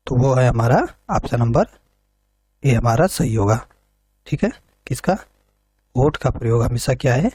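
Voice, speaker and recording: Man, teacher, patient step-by-step explaining, husky, dry close sound. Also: mid-range voice, mellow, no echo. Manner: explains step by step, repeating questions back. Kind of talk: exam prep lesson.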